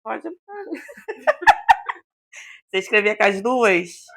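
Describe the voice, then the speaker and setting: A woman's voice: fairly high pitch, wildly swooping pitch, drawn-out words, vocal fry, fairly bright tone. A woman, an interviewer who chimes in with short reactions while her guest talks. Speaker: interviewer host. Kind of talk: casual interview chat.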